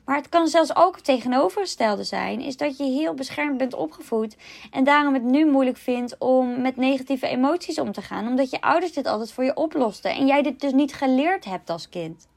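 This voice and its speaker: A woman, a life coach explaining ideas calmly in a solo podcast, with self-mocking asides. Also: sits high, normal speed, creaky.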